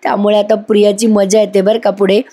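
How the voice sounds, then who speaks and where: A woman's voice: medium pitch, flat delivery, brisk, mellow. A woman narrating a voice-over recap of a TV serial episode, chatty and talking straight to her viewers. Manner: chatty, addresses viewers directly. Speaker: TV serial reviewer.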